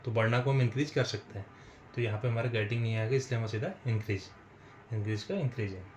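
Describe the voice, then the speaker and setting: A man teaching a spoken English lesson, explaining patiently and repeating phrases slowly for his viewers. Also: mid-range voice, a little mellow, roomy sound, a little hiss or hum. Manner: slow, repetitive explaining, addresses viewers as friends.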